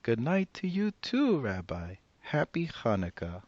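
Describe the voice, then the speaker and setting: A cheerful, fussing old granny with a bright, sing-song lilt that swoops up and down, as a male storyteller puts her on. The voice sounds a little dull and muffled, close and dry. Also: medium pitch, wildly swooping pitch, measured pace, no echo, pitched above the performer's own voice.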